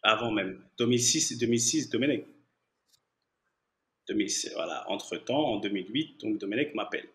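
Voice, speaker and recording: A man in his thirties from Paris, a former footballer, recounting his career in a relaxed, repetitive way. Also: on the low side, a little fast. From Paris, France. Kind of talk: casual chat.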